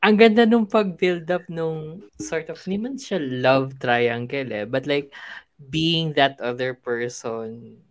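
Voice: mid-range voice, slow pace, no room sound. A Filipino co-host talks through a series in a mid-range voice, weaving in English and stopping to hunt for the right word. The recording is dry and close. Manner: thoughtful, mixes English, searches for words. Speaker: podcast co-host. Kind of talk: casual chat reviewing a series.

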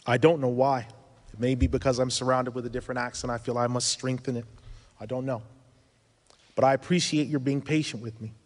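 A man's voice: mid-range voice, steady tone, fairly quick. A man in his thirties with a foreign accent, giving an earnest religious lecture at a conference, full of advice and rhetorical questions. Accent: foreign accent he mentions himself. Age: 30s. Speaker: conference speaker. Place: conference hall. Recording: reverberant conference hall.

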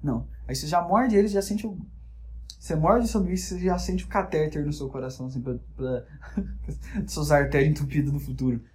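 A man's voice: on the high side, brisk, darkish tone. A man hosting a solo podcast, rambling and joking in a casual monologue that keeps interrupting itself. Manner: rambling, jokey, self-interrupting. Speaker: podcast host.

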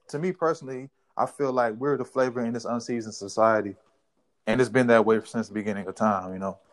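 A man's voice: medium pitch, dry recording. A man in a casual discussion, talking in a reflective, rambling way full of "you know".

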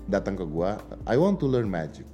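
Guy with a low warm voice, tells a story and acts out every line, pitch jumps all over, faint music behind. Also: big pitch swings, normal speed, highs cut off. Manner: acts out dialogue, switches into English quotes. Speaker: podcast guest, father of a teenager. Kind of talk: emotional storytelling in casual chat. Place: podcast studio.

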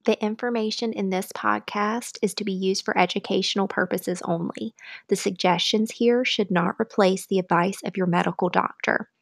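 A woman's voice: medium pitch, fairly even intonation, normal speed, gravelly. A woman with a Southern US accent hosting a podcast, reading a friendly scripted monologue with careful delivery. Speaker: podcast host.

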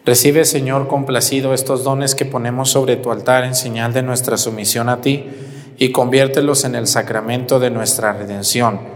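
A man, a priest celebrating Mass, recites the prayers in a solemn, measured way, his voice ringing with cathedral echo. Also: medium pitch, flat delivery. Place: large church. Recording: long church reverb.

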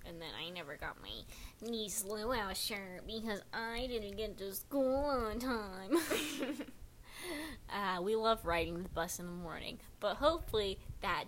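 A woman's voice: medium pitch, animated, unhurried, slight background noise. A teenage girl co-hosting a casual podcast chat, joking, giggling and trailing off mid-sentence. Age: teens. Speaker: podcast co-host.

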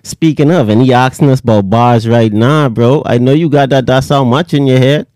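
Male rapper, interview guest. Casual, slangy storyteller, medium pitch, dry recording. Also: normal speed, a little mellow, no room sound.

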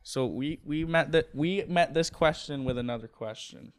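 A man's voice: a little high, moderate pace, smooth. A young man hosting a podcast, joking in slangy casual chat and steering the talk. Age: young adult. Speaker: podcast host.

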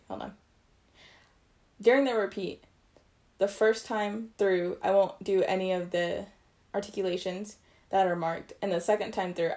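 A young woman with a darkish, mid-range voice plays trumpet and teaches articulation basics in a casual video. She chats away, correcting herself as she goes, and her explanations stay loose.

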